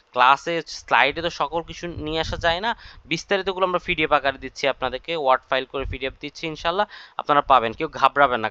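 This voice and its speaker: A man instructor talking through course material, reassuring his students and pausing on fillers. His voice is bright and crisp, captured dry with a dull, lo-fi tone. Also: on the high side, no room sound. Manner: reassuring, explaining at length with fillers. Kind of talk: online class explanation.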